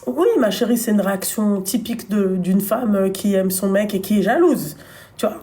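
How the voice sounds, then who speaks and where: A woman's voice: mid-range voice, moderate pace, warm tone. A woman hosting a live call, chatting casually and teasing her caller, often breaking into laughter. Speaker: live stream host.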